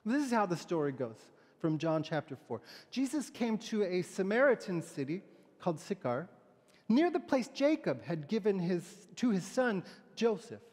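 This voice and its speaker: Standing at a pulpit, a middle-aged pastor with a notably high voice for a man delivers a sermon that includes readings of a poem and scripture. He's very animated yet gentle and conversational, slightly halting. A large church's long reverb surrounds him.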